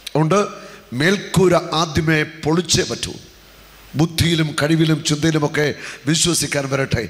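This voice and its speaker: A male preacher giving a fervent healing sermon, calling on the congregation to answer back and moving between hushed talk and shouting. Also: on the high side. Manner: fervent, call-and-response, shifts from hushed to shouting. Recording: long hall reverb.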